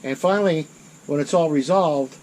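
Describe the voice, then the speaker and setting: A middle-aged channel host's slightly high, somewhat mellow voice moves at normal speed as he tells a war story as a casual monologue. He rambles, corrects himself and builds intensity at dramatic moments, on a low-quality recording with slight background noise.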